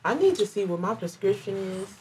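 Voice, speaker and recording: Lively woman egging friends on. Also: medium pitch, fairly quick, a crowd in the background. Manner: playful, egging others on. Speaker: podcast co-host. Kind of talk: casual chat among friends. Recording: friends chattering around.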